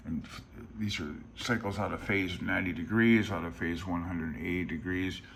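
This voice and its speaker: Deep and a bit bright with vocal fry, this man's voice holds fairly even intonation at normal speed, with slight background noise. He's an amateur radio hobbyist and vlogger rambling casually about a handbook as he flips through it, speaking plainly and self-deprecatingly as a hobbyist, not an expert.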